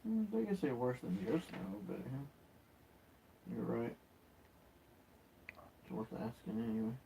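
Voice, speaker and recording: Dry mellow-voiced man with wry quips. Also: mid-range voice, sing-song, slow, gravelly, slight background noise, poor audio. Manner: wry, teasing side remarks. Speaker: co-host.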